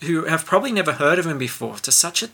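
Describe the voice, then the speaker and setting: This is a podcast co-host in a relaxed film chat. The voice is bright and carries a gravelly edge. The delivery rambles, full of ums, false starts and restarts. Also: medium pitch, fast. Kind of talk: casual film review chat.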